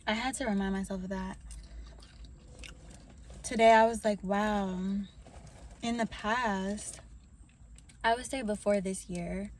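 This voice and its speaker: Brief: young woman vlogger, slow and relaxed, chats through a snack, faint room hiss behind. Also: medium pitch. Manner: relaxed, slow and unhurried, talks while snacking. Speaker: vlogger sharing intuitive messages. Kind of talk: casual vlog chat while eating.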